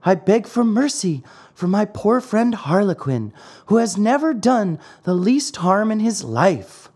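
A man's voice: high-pitched, big pitch swings, measured pace, a little mellow, slightly rough, pitched above the performer's own voice, heavily acted. A man voicing a small, earnest wooden boy marionette with an imploring manner in a storybook reading. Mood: pleading.

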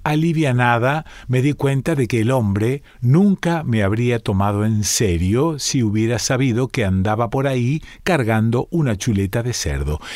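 A man reading a short story aloud in a calm, measured narrating voice. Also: mid-range voice, dry recording, studio quality. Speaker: reader.

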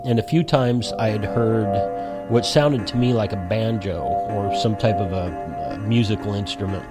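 A man recounting a personal story in a casual, plainspoken way, with soft music behind. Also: on the low side, a little slow. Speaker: interviewee.

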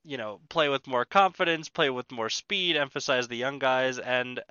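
A man's voice: mid-range voice, moderate pace, sharp tone, smooth, no room sound, lo-fi sound. A man co-hosting a hockey podcast in casual chat, thinking aloud as he talks. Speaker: podcast co-host.

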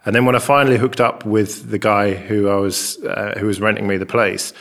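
An English man chatting casually and rambling a bit, recorded with a big hall echo in a large, open flat with a concrete floor. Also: fairly low pitch, a little fast. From England. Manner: rambling and chatty, with many fillers. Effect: big hall echo from an enormous, bare room. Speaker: podcast co-host. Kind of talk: casual chat.

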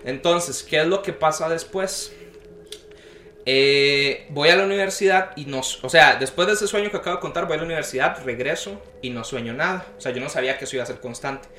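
A young man with a bright, slightly high voice tells a dream story in a relaxed chat and acts out every voice in it. The room sounds echoey, with a faint hiss underneath. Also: brisk. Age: young adult. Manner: animated storyteller acting out quoted voices. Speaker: podcast guest.

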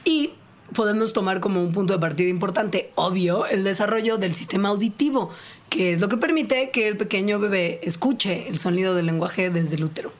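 A woman's voice: mid-range voice, fairly quick. A woman co-hosting a casual science podcast, playful and jokey. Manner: playful, jokey, bursts into put-on voices. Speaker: podcast co-host.

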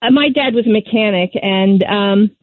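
A woman's voice: mid-range voice, moderate pace. A woman from New Jersey calling in to a radio show over the phone, talking hesitantly with many ums and uhs. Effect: calling in over a phone line. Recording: dry tinny phone line.

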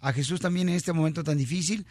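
A man hosting a lively radio show, jokey and loud, calling listeners friends and champions. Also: on the high side, fast, dry recording, studio quality. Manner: jokey, loud, calls listeners paisanos and campeón.

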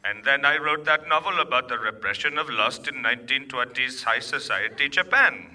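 An actor playing a polite, cheerful ghostwriter in a comedy radio sketch, patient and eager to please. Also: male voice, medium pitch, animated, moderate pace, bright, forceful tone. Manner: courteous, patient, upbeat. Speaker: sketch character.

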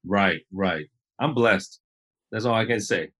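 Relaxed, rambling man with a lowish voice. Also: a little slow. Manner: relaxed, rambling, many fillers. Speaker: guest, photographer. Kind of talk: casual interview.

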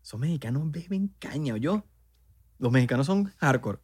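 A man from Venezuela with a Venezuelan Spanish accent, co-hosting a podcast in animated, joking, slangy casual chat. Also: on the high side, moderate pace, breathy edge, no echo. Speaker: podcast co-host.

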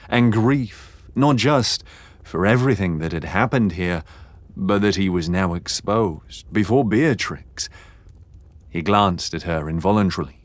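A man narrating an audiobook novel in a measured, dramatic reading. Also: low-pitched, dry recording. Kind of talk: scripted narration.

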